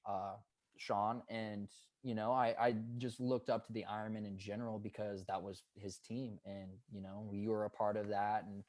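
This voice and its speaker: A man's voice: on the low side, level tone, normal speed, a little mellow, dry recording. A man in his twenties, a guest on a casual podcast interview, telling stories in an earnest, upbeat, hyped way. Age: 20s. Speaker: guest, pro paintball player.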